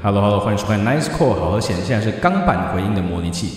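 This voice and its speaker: Fast-talking man, heavy reverb effect, distant cavernous echo tail. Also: fairly low pitch, expressive. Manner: rapid, matter-of-fact demo lines. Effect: heavy artificial reverb, words trailing off in echo. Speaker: host demonstrating reverb effects.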